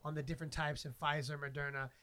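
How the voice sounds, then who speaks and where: A man's voice: a little high, level tone, fast talker, bright, forceful tone. Upbeat podcast co-host, a man. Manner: upbeat, keeps saying "there you go". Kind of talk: casual podcast chat.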